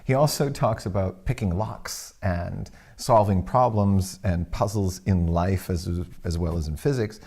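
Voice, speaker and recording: A man's voice: sits low, unhurried, hardly any pauses, a little mellow, breathy edge. A man co-hosting a casual chat, wry and rambling as he tells stories. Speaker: podcast co-host.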